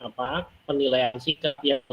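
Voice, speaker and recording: A man's voice: mid-range voice, fairly even intonation. Man on a choppy, cutting-out call. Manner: halting, many fillers and restarts. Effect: choppy, cutting-out online call audio. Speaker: teacher in an online discussion. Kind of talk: casual discussion remarks. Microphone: video call. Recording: dull lo-fi call audio breaking up.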